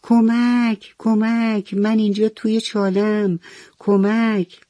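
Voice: medium pitch, a little mellow, no room sound, studio quality, lightly acted. Narrator doing a small sulky chick. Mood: pleading. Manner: pleading calls for help. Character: small sulky young chick stuck in a pit. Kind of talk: children's storybook voice.

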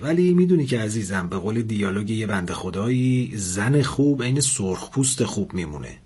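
Smug condescending husband, read by a man, husky, audiobook story. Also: fairly low pitch, big pitch swings, warm tone. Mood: mocking. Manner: condescending, lecturing, later stammering in fear.

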